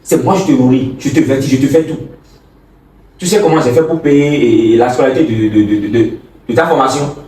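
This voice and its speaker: A man's voice: medium pitch, a little fast, warm tone, close to an everyday voice. A man playing a stern older brother who lectures and scolds, often stammering over words. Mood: scolding. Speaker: actor in a web skit. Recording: echoey room, far from the mic.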